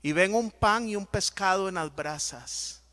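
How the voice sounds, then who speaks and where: A man preaching a sermon as pastor, emphatic and dramatic, swinging between loud and soft. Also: high-pitched, measured pace.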